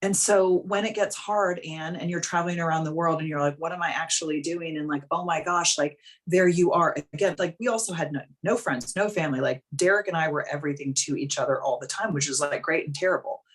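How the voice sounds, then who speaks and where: A woman's voice: sits low, fairly quick, hardly any pauses. A woman in her thirties, a life coach talking frankly and casually on a live coaching call, full of "like" and the odd swear word.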